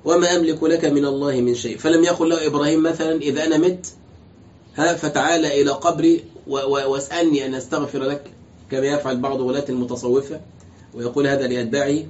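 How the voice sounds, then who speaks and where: A brisk sheikh explains texts to his students, throwing out rhetorical questions as he goes. His voice sits a little high, and the lo-fi recording sounds roomy and dull. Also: a little mellow. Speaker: sheikh teaching exegesis. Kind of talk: classroom lecture with commentary.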